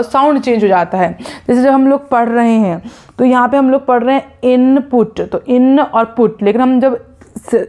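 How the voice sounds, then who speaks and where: Slow, hesitant woman explaining. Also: a little high, darkish tone. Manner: explains in Hindi and reads English examples slowly; frequent hesitations and self-corrections. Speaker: teacher. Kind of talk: explanatory lecture.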